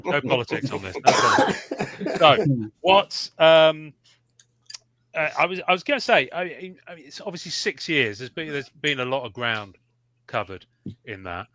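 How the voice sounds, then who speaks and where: A man's voice: a little high, animated, moderate pace, fairly bright tone, no room sound. A man from the United Kingdom hosting a casual podcast panel, wry and teasing, with many fillers. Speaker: podcast host.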